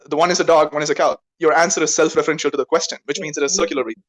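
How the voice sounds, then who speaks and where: Debater, man, rapid-fire delivery, insistent, keeps tagging points with "right?", online voice chat. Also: fairly high pitch, steady tone, poor audio. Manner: rapid, insistent, leans on "right?" tags and logic terms.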